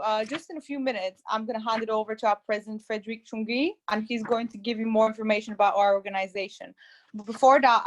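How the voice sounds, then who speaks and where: A woman from Bulgaria opening an online webinar as its co-founder and host, speaking in a measured way with frequent pauses and ums over a video call. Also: fairly high pitch.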